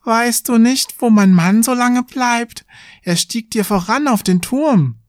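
A frantic, strong-willed sexton's wife, as a male narrator puts her on, her voice pushed high and shrill. She scolds fast and loud in a storybook tale, in a dry, close recording. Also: no echo. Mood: worried.

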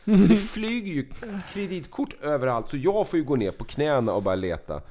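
Animated man telling a story. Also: fairly high pitch, slight background noise. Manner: animated, acts out quotes with big swings in voice. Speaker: podcast host. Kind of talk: casual storytelling chat.

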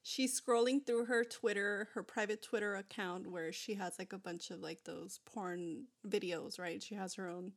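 A woman's voice: medium pitch, fairly even intonation, normal speed, hardly any pauses. A young woman co-hosting a casual chat, rambling with lots of fillers and restarts.

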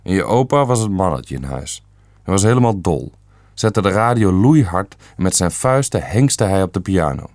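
A man's voice: low-pitched, expressive, moderate pace, darkish tone, dry recording, studio quality. A man reading the part of a stern, self-assured elderly great-uncle who speaks bluntly and matter-of-factly.

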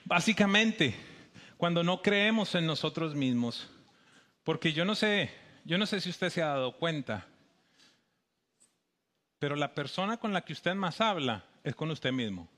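Animated Colombian man preaching. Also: on the high side, measured pace, pauses often. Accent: Colombian, Bogotá. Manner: animated, acts out quoted voices, emphatic rising delivery. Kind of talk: sermon.

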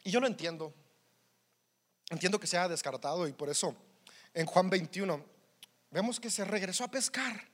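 A man's voice: high voice, moderate pace, long pauses, husky. A man with a Mexican accent preaching a sermon in a conversational, humorous way, often repeating words as he goes.

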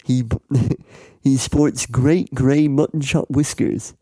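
A man's voice: mid-range voice, fairly even intonation, slow, warm tone, no echo. A man who co-hosts, reading a gamebook aloud in a giggly, comedic way. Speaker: podcast co-host reading a gamebook. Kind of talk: comedic read-aloud narration.

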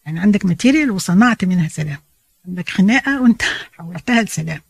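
A woman with an Egyptian Arabic accent teaches a Bible lesson at a quick clip, her explanations chatty and peppered with English phrases. The recording is dry and close, with no room sound. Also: lowish voice, animated, vocal fry, breathy edge, no room sound.

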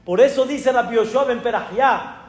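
A man with a Mexican accent, a rabbi telling a story in a sermon with animated, dramatic exclamations. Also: very high-pitched, moderate pace, reverberant, long reverb tail.

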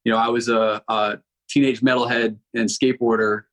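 A man's voice: medium pitch, flat delivery, a bit bright. A man in his forties from Connecticut, a record label founder talking as a guest in a casual interview, often restarting and repeating words. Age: 40s. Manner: halting, repeats words while thinking.

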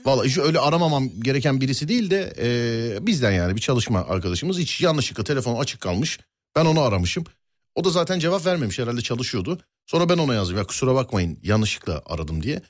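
Male radio host, chatty and playful, voice jumps all over, talks fast. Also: mid-range voice. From Turkey. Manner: animated storyteller, quick and playful. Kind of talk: casual studio banter.

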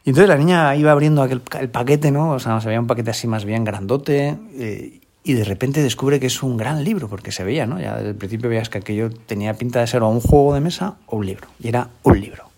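This Spanish school chaplain, from Spain with a Peninsular accent, delivers a conversational homily and often ends phrases with a questioning tag. His medium-pitched voice moves quickly and has a darkish tone.

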